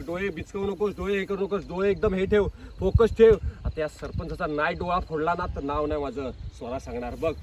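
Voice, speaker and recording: A man's voice: on the high side, distant mic, slight background noise. Marathi man directing a child actor. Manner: coaching, talks through each action and line. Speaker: film director. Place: outdoor rural film shoot.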